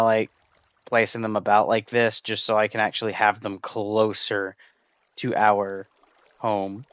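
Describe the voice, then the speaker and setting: Low-voiced man chatting while gaming. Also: a bit bright, clear, resonant tone, no echo. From United States. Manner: rambling, chatty, addresses viewers as guys. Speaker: gaming streamer. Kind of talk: casual gameplay commentary.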